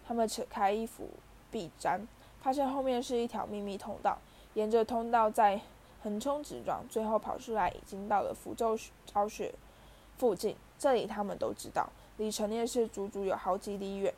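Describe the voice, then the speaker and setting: A woman reading a storybook aloud as narrator, lively and voicing the characters. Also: mid-range voice, moderate pace, slight background noise. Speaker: audiobook reader.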